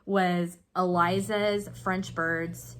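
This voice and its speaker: A woman's voice: fairly low pitch, little pitch movement, drawn-out words, slight background noise. A sniffly, stuffed-up woman co-hosting a casual chat, rambling and restarting her sentences as she shows her projects. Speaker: co-host showing cross-stitch projects.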